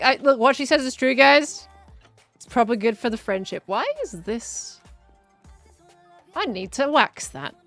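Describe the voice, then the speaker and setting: A woman's voice: fairly high pitch, fairly bright tone. A woman streaming a game, chatting casually in a playful, teasing way. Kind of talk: casual chat while gaming.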